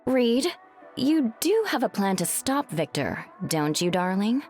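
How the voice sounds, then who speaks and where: A woman's voice: mid-range voice, sing-song, unhurried, darkish tone, faint music behind. A woman voicing a loving but exasperated superhero wife for a video game, wry and affectionate. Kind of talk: video game character acting.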